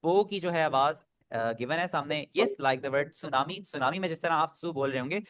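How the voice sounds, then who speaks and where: A man's voice: on the high side, normal speed, fairly bright tone, no echo. Man, online language tutor, patient drilling, dry close sound. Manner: patient, drills pronunciation, repeats "ठीक है". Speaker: Japanese language teacher. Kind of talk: online class instruction. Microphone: video call.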